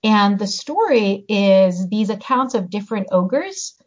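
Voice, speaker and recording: Animated yet reflective, this Hungarian-born woman, raised in the US, is a novelist and teacher appearing as a guest in a relaxed interview, stopping now and then to find the right words. She speaks at a medium pitch through slightly muffled audio.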